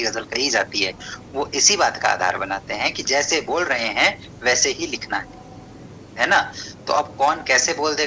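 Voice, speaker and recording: A man's voice: medium pitch, sharp tone, a little hiss or hum, poor audio. A man teaching a class, lecturing and asking questions that he answers himself, with English terms mixed in. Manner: mixes English terms into Hindi.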